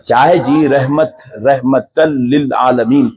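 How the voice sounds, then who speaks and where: Before a large live crowd, a preacher with a mid-range, husky voice speaks slowly and steadily. His sermon moves through rhythmic, repetitive lists and rises into impassioned shouting.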